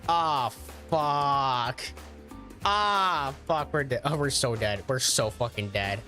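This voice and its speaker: A male streamer reacting loudly to a video game, excitable, swearing often and laughing between lines. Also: medium pitch, slow, faint music behind. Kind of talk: live gameplay commentary.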